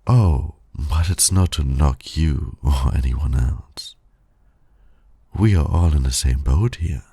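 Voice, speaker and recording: A man plays a suave villain flirting with his nemesis in an ASMR roleplay, fully in character and in a very deep voice. His tone is dark, very breathy and gravelly, captured close and dry, and he takes it slowly. He teases with formal, silky condescension, knowing and playful.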